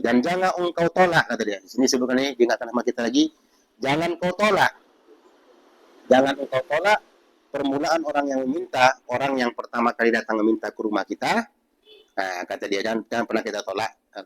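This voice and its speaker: A man's voice: fairly low pitch, low-quality recording. A man teaching a religious book study, explaining patiently and repeating key words. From North Sumatra. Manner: acts out short everyday exchanges. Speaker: Islamic teacher.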